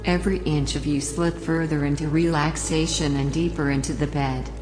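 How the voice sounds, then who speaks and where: A woman narrating a guided relaxation in a slow, lulling, soothing manner, like a sleep story narrator. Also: low voice, fairly even intonation, reverberant, big-room sound, music in the background. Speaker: hypnosis audio narrator and trainer.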